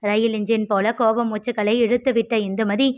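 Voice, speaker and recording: A woman narrating a family story aloud, switching into lively voices for the characters. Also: a little high, normal speed. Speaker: audiobook narrator. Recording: dull lo-fi recording.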